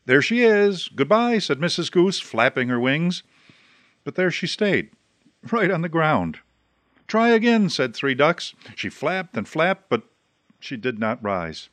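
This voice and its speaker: Expressive man reading a children's story. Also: mid-range voice, unhurried, dry recording. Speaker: storybook reader.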